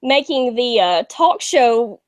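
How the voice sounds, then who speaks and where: A woman with a Southern US accent hosting a casual interview, bubbly and quick to laugh. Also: on the high side, lively intonation, no echo. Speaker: host.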